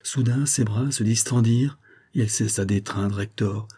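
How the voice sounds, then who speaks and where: Man narrating a classic novel as an audiobook, dark, husky voice, steady and measured. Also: on the low side.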